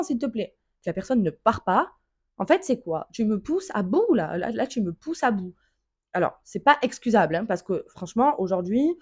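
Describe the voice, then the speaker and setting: A woman's voice: mid-range voice, darkish tone. A young woman talking candidly and emotionally in a personal vlog, informal and blunt, with slang and the odd swear word. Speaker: vlogger.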